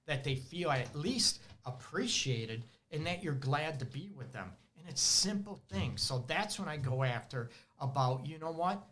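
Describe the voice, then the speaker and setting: A Detroit-accented man hosts a relationship advice show as a counselor, giving a casual monologue full of animation and laughter as he acts out his clients. His voice is medium-pitched and a bit bright, with slight background noise and occasional barking dogs.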